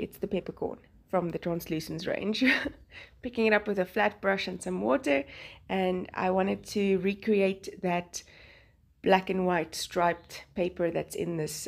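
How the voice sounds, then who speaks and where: In a lowish, creaky voice, a Bible journaling channel host talks through her craft process. She's a first-language Afrikaans speaker with a South African accent, chatty and laughing often between phrases.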